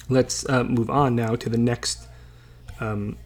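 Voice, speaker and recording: A man teaching a Bible passage in a casual way. He reads each verse slowly, translates it, and checks in with listeners as he goes. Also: mid-range voice, vocal fry. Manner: chatty, many fillers and checking questions.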